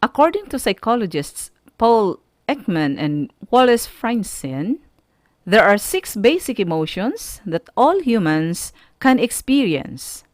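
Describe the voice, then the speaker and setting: A woman with a Filipino accent and a mid-range, very animated voice teaches an online radio school lesson, addressing students deliberately and instructively and posing questions to them. The studio sound is clean, with no room sound.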